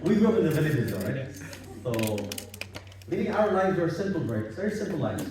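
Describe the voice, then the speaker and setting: In a sing-song, fairly high voice and at a fairly quick clip, a Bangladeshi man leads an informal Islamic study circle talk in a private house, repeating himself and asking tag questions to confirm listeners are with him. Background noise, room echo and a distant microphone mark the recording.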